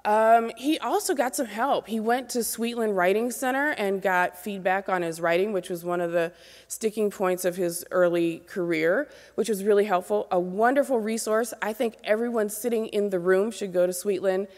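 A woman's voice: mid-range voice, moderate pace, a little mellow. A woman in her forties giving an earnest keynote lecture from a podium microphone on an auditorium stage, speaking directly to new graduate students. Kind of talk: motivational lecture. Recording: long reverb of a large hall.

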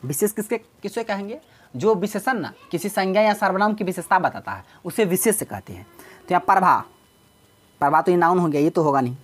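A woman's voice: lowish voice, expressive, brisk, slightly rough. A woman teaching an exam-prep grammar lesson, explaining step by step and repeating key words.

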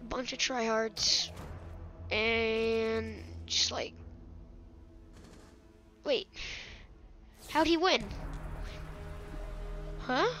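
A woman's voice: a little high, extremely slow, long pauses, bright, forceful tone. A woman casually commenting on her own gameplay while streaming, drawling and muttering asides to herself. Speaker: gamer streamer. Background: game sounds and hip hop music.

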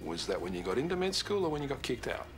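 A man's voice: mid-range voice, sing-song, fast, natural voice. Man acting middle-aged nz boss in a soap, dry and needling, voice moves up and down, music under.

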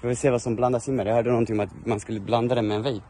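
A man's voice: mid-range voice, little pitch movement, mellow, roomy sound. A man vlogging, telling a story in a casual, rambling way full of fillers, sounding tired. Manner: rambling, heavy use of fillers.

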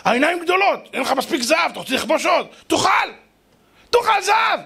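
Scornful wise women shout down a greedy conqueror, voiced by a male preacher. The voice goes shrill and high and swings wildly. Its tone stays slightly husky. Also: lively intonation, full character voice. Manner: mocking, shouting. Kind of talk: sermon storytelling.

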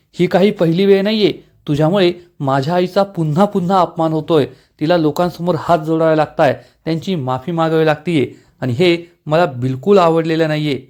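An angry young husband scolds his wife over her carelessness, as a man reads his lines aloud. The reproachful voice sits fairly high for a man. It is told as part of a soap-opera episode recap. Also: darkish tone, close to an everyday voice.

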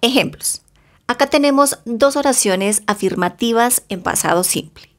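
Woman English tutor, measured bilingual lesson delivery, slightly high voice. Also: expressive. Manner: deliberate, stretches example words, careful English pronunciation. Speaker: English teacher. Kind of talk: slow bilingual grammar lesson.

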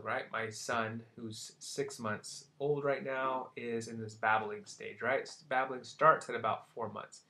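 A man's voice: mid-range voice, pushed and bright. A young man teaching psychology terms in a casual recorded lecture, checking in often and making light jokes. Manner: casual, checks in with "right?" and "okay?"; light joking asides.

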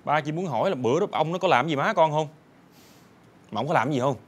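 An actor playing a fussy, excitable middle-aged father who talks fast and bursts into exasperated exclamations. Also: on the high side, background noise, close to an everyday voice. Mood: questioning. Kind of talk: TV sitcom acting.

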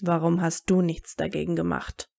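A woman voicing a cold, stern male wizard teacher who speaks in a cutting, measured, hissing way. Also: fairly low pitch, flat delivery, creaky, warm tone. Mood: stern warning.

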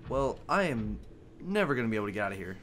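A man's voice: lowish voice, big pitch swings, fast talker, a bit bright, soft background music. A man giving casual gameplay commentary as host, rambling and joking, swearing often. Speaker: gaming video host.

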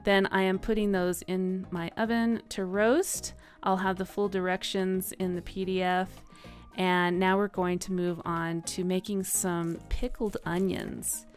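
A woman hosting a cooking channel, talking through each step in a relaxed, chatty voice-over with small laughs and fillers. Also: fairly low pitch, a little slow. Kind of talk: friendly voice-over cooking instructions. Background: soft guitar music.

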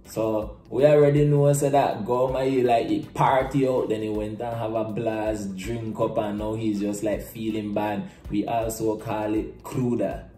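Young adult male, Nicaraguan Creole accent, casual explainer, mellow tone, echoey room. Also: lowish voice, flat delivery, measured pace, few pauses, soft background music. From Bluefields, Nicaragua. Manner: conversational, uses Creole phrasing in examples. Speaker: presenter explaining Creole slang. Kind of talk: casual explainer vlog with acted-out examples. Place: small plain room indoors. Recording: roomy echo, camera mic.

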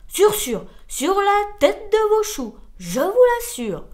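A woman's voice: very high-pitched, sing-song, measured pace, exaggerated voice. A woman voicing a pompous, rambling old male snail in a read-aloud storybook. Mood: solemn. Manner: loud, solemn, drawling.

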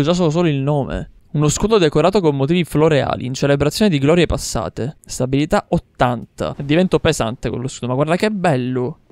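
A man commentating his gameplay, taunting enemies and swearing as he plays. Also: on the high side. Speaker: gamer. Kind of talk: let's play commentary.

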